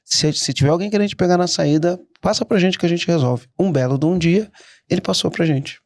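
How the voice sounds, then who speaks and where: A middle-aged man, a guest entrepreneur telling stories in a casual interview, animated and quick to restart his sentences. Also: high voice, no room sound. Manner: animated, anecdotal, frequent restarts.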